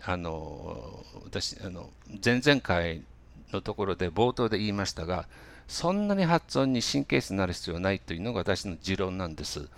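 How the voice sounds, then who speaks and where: A man teaching English pronunciation, reading minimal-pair drills slowly and carefully, then explaining in calm speech. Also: low-pitched, gravelly. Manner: slow, careful drill reading, words louder than the talk.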